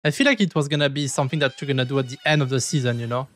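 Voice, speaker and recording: A man's voice: mid-range voice, steady tone, very fast, fairly bright tone. A man streaming casual anime reaction commentary in short, offhand, chatty remarks. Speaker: VTuber streamer. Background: music from the show being watched.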